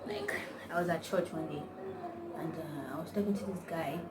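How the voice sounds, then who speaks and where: Her voice is deep, her pace moderate, and she has a Nigerian accent. This young vlogger talks casually to the camera, wandering through stories full of slang and endless "like"s, while the distant mic picks up background noise.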